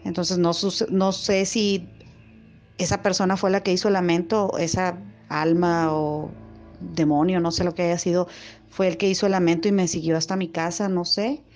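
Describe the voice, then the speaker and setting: A woman's voice: on the low side, little pitch movement, normal speed, a little mellow, faint music behind. A woman telling her own scary experience casually, rambling and circling back as she talks. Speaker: follower telling her own ghost story. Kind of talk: casual spoken storytelling. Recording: lo-fi voice message.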